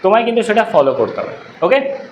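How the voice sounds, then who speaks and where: A male tutor teaches an English class, talking conversationally in a lecture and often checking that students follow. His high-pitched voice swings widely in pitch at a slightly fast pace. The room sounds echoey, with faint noise.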